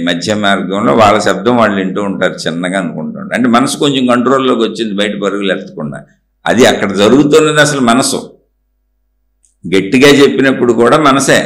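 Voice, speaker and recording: A man's voice: mid-range voice, vocal fry, a bit bright, echoey room. A man giving a spiritual discourse, explaining patiently and repeating key points for emphasis. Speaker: spiritual teacher.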